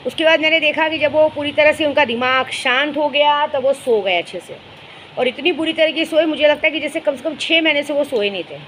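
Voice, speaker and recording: A woman's voice: high voice, fairly quick, fairly bright tone, slight background noise, poor audio. A woman speaking, a spiritual guide chatting casually to her followers and telling stories with fond asides. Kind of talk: casual vlog chat to followers.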